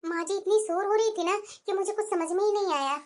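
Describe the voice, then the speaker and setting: Very high-voiced woman, cartoon story. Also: brisk. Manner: expressive, switching between two figures. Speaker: voice actor voicing mother-in-law and daughter-in-law. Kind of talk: cartoon family story voicing.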